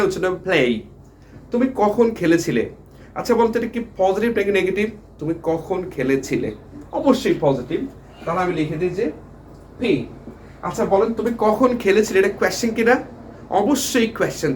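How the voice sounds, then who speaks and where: A man's voice: sits high, a little hiss or hum. A man teaching English grammar who keeps asking his viewers questions and then answering them himself, repeating the key words. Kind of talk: grammar lesson explaining at a board.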